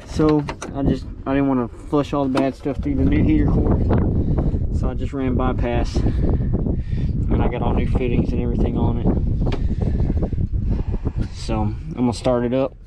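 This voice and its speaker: Young male farm vlogger, relaxed and rambling, action-cam sound with noisy shop and engine behind. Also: mid-range voice, normal speed, pauses often. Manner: relaxed, rambling, talks while working. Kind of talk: casual first-person workshop vlog. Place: outdoors on a farm and in a workshop.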